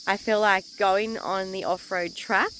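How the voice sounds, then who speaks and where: A travel vlogger with an Australian accent chats frankly to camera about her caravan trip, rambling a little as illness takes her voice. She speaks at a measured pace in a steady, mid-range voice, with a noisy background.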